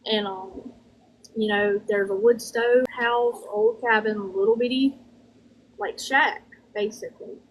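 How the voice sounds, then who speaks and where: A woman with a Southern American drawl speaks as a medium giving a reading. Her phrasing is folksy and halting, and she often repeats herself as she describes things. Her pitch is average for a woman, with some faint noise on the recording. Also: fairly even intonation, poor audio. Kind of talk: conversational psychic reading.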